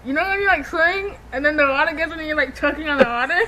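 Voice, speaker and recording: High-pitched young woman talking through a mouthguard. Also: rapid-fire, pushed and bright. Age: young adult. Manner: slurred speech through a mouth retainer that holds the lips open. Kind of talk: playful casual game chat. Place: outdoors at a backyard patio table. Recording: noisy outdoor camera audio, clicks.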